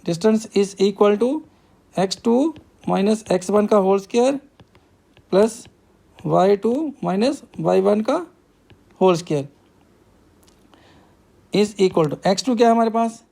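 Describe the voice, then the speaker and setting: A man's voice: high-pitched, takes it slowly, vocal fry, pauses often, warm tone. A male math teacher, working through a problem step by step and asking himself questions before he answers them.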